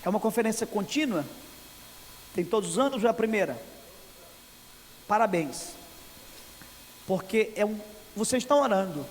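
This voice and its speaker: High-voiced Brazilian pastor preaching in a hall. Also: male voice, expressive, normal speed, pauses often. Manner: emphatic preaching, rising to loud climaxes. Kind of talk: sermon. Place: large church conference hall. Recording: reverberant hall, faint background noise.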